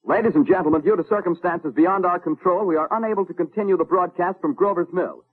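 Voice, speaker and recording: An actor playing a studio radio announcer reading news bulletins, heard as an old 1930s radio broadcast. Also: male voice, high voice, slightly rough. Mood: formal. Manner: brisk formal announcing. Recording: dull thin old radio sound.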